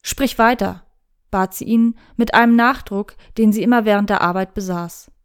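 A woman narrating a story aloud in a steady, even storytelling way. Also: mid-range voice, moderate pace, smooth. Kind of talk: reading fan fiction aloud.

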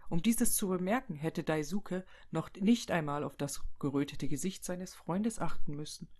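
Calm storybook narrator. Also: medium pitch, moderate pace. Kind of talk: reading a fan story aloud.

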